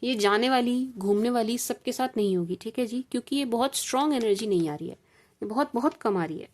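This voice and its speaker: A woman from India, a tarot reader, gives a collective reading at a fairly quick pace in a fairly high, darkish voice. Casual, repetitive, and reassuring, she mixes Hindi with English, calls her viewers "sweet sugar gems," and adds "ठीक है जी."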